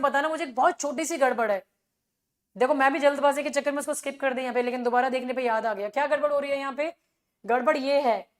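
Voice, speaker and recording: Indian woman teacher, high voice, quizzes the class with rhetorical questions and keeps repeating filler phrases. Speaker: English teacher. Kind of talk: exam revision class.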